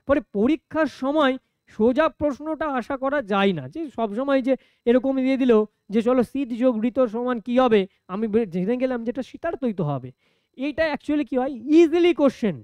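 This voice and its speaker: A woman's voice: on the high side, darkish tone, clear, resonant tone, no echo. A woman teaching an exam-prep grammar lesson, who asks her own questions, answers them, and repeats each key rule several times. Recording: dull lo-fi sound.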